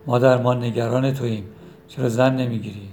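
A man's voice: mid-range voice, fairly even intonation, a little mellow, faint music behind, natural voice. A man reading a fussing, caring mother. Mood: insistent. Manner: fussing, pleading. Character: caring, insistent middle-aged mother.

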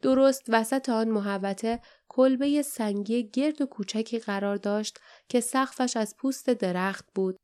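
A woman narrating an audiobook in a calm, steady storytelling voice. Her tone is smooth and clean, and sits somewhat higher than most. She reads at an unhurried, even pace. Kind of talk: scripted narration.

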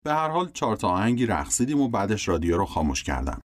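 A man reading a novel aloud as an audiobook narrator, expressive and animated, acting out the dialogue. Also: no echo, clean studio sound. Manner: animated, acts out dialogue with shifting pitch. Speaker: audiobook reader. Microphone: close studio mic.

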